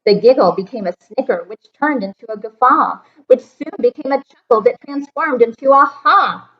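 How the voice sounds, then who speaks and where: A woman teacher reading a rhyming picture book aloud to children in an expressive, rhythmic way. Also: fairly high pitch, moderate pace, muffled recording. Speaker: elementary teacher.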